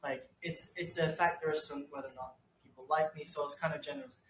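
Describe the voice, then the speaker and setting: A young man with a bright, fairly high voice chats loosely as a guest. He leans on fillers and restarts as he talks. The sound is roomy, with faint noise behind it. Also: fairly even intonation, fast talker. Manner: rambling, filler-heavy, restarts. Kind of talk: casual interview chat.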